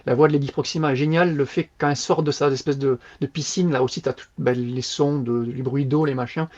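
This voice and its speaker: A man co-hosting a podcast, chatting casually as he reviews a novel in an animated, slangy, loose way. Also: medium pitch, fast talker, muffled recording. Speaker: podcast co-host. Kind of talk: casual book review chat.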